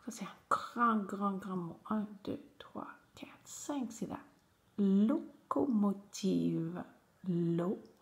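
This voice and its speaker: A woman's voice: mid-range voice, slow pace, hardly any pauses, fairly bright tone, in a whisper. A woman teacher, patiently guiding young children through a reading lesson and repeating each word several times.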